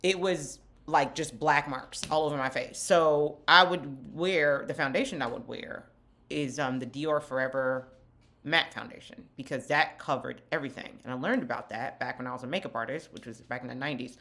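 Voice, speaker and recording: Middle-aged woman, low voice, candid self-deprecating makeup chat, vlog founder type. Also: moderate pace, a bit bright. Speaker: skincare company founder and vlogger. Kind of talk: get-ready-with-me makeup chat.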